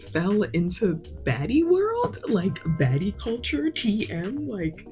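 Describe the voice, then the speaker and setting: Putting on makeup in the glam room of her home, a woman with a New York accent and a low, slightly mellow voice chats candidly on her vlog. She goes on at length in a wordy, bougie manner.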